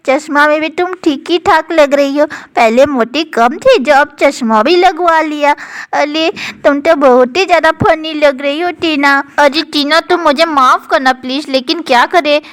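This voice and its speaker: A woman's voice: sits high, fairly bright tone. A woman voicing a playful young girl doll who teases her friend.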